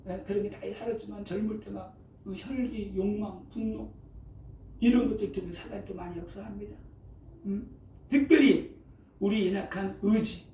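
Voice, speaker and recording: A middle-aged male pastor preaches a sermon, constantly drawing in the congregation with rhetorical prompts like "어?" and "예?", meaning "eh?" and "right?". His voice is high-pitched and mellow, with a little hiss or hum. Recorded in an echoey church sanctuary with the mic at a distance, there's faint ambience in the background.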